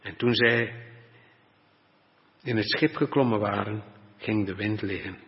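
A male preacher leads a sermon, reading scripture in a slow, deliberate cadence and then explaining it. His mid-range voice rings out with a long reverb through a church hall. The recording is dull and lo-fi. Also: fairly low pitch. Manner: slow, deliberate reading in old-fashioned Bible wording.

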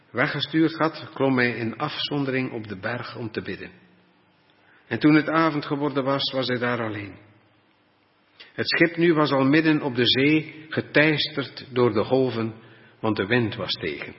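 A man preaching a sermon, reading Bible passages in a deliberate, old-fashioned way and explaining them. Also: mid-range voice. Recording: dull lo-fi recording with long reverb.

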